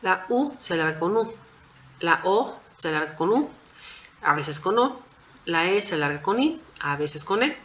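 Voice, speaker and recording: A woman's voice: lowish voice, animated, normal speed, a bit bright, lo-fi sound. A woman teaching a language class, going through exam answers point by point in a patient, methodical way and often checking in with the class.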